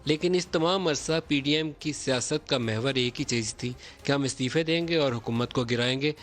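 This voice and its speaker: A man's voice: medium pitch, fairly bright tone. A man hosting a political talk show, delivering emphatic, declamatory commentary from a TV studio.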